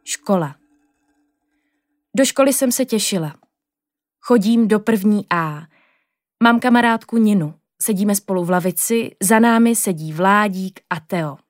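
A woman reading a children's storybook aloud in the first person of a little girl, in a lively storytelling tone. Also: medium pitch, long pauses, no room sound, clean studio sound. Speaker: audiobook reader.

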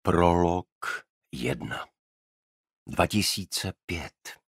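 A male audiobook narrator reads in a measured, even manner. His voice is deep and a little husky, recorded close with a dry studio sound. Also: dry recording. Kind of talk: scripted narration.

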